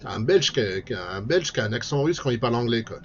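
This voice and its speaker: A man's voice: medium pitch, lively intonation, quick pace, lo-fi sound, slight background noise. A man streaming a game, chatting casually and playfully as he plays. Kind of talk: casual let's-play commentary.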